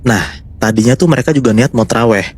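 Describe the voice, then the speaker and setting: A man's voice: medium pitch, fast talker, husky. A man casually telling a horror story to his co-hosts, chatty and building suspense. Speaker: storyteller host.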